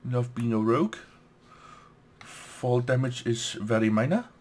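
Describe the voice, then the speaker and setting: A young native Danish speaker from Denmark does casual let's play commentary in a mid-range voice with a Danish accent. He's unhurried in pace yet excitable, swearing and laughing at the game as he plays.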